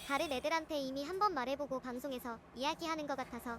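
A synthetic woman's voice reading out a viewer's donation message in a flat read-out way. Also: sits high, fast, soft background music.

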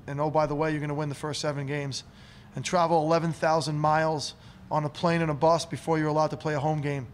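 A man's voice: a little high, a little hiss or hum. A man in his thirties, a head coach at a postgame press conference, talking earnestly and emotionally and often repeating words, into a table microphone in a press room. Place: press room in front of a curtain. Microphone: table mic on a stand.

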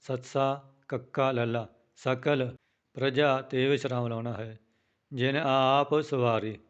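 A man with a Punjabi accent leads a recitation lesson, drawing out each verse in a slow chant before switching to brisk spoken spelling notes. His voice is smooth and resonant at a mid pitch. The recording is a little dull and lo-fi. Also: steady tone. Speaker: scripture recitation teacher.

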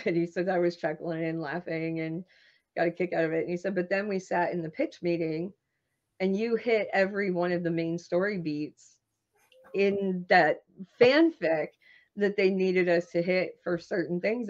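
Lower-voiced woman chatting in an interview, storytelling, laughs a lot, kinda muffled audio. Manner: animated anecdotal storyteller, laughs often. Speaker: screenwriter and marketing guest.

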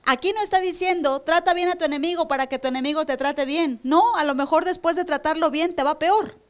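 A woman's voice: high voice, fairly quick. A woman pastor preaching a sermon to a church, asking the room rhetorical questions and acting out church members. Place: church service.

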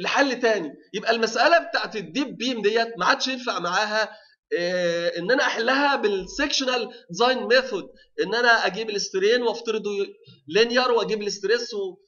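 Fast, bright-voiced Egyptian lecturer. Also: male voice, high-pitched, highs cut off. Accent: Egyptian Arabic. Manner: asks the class rhetorical questions, frequent fillers and restarts. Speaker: university lecturer. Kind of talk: technical lecture.

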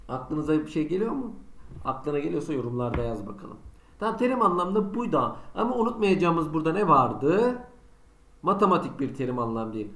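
A man's voice: on the high side, reverberant. A man teaching a school lesson online, asking himself students' questions and answering them in a chatty, teasing way. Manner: conversational, teasing examples. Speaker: Turkish teacher.

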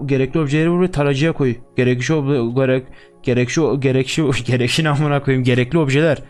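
Young man, crude swearing gamer commentary, mid pitch. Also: steady tone, fast, darkish tone, soft background music. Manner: crude, joking, swears constantly. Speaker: gaming YouTuber. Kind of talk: let's-play commentary.

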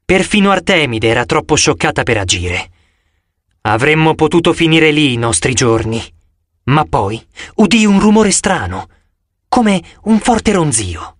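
A man narrating an audiobook in the first person with a dramatic, expressive reading. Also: on the high side, dry recording, clean studio sound.

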